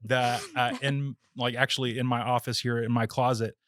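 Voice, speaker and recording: A man's voice: medium pitch, level tone, normal speed, a bit bright, no room sound, studio quality. A man hosting a podcast, chatting casually with a guest, rambling and joking at his own expense. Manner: rambling, self-deprecating, jokey. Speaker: podcast host. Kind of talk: casual chat.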